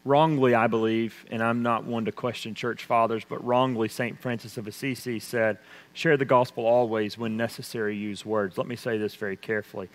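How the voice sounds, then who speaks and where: Animated preacher in a reverberant church. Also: male voice, medium pitch, a little fast. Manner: animated preaching, swings from loud emphasis to hushed intensity. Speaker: pastor. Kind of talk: sermon. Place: church sanctuary.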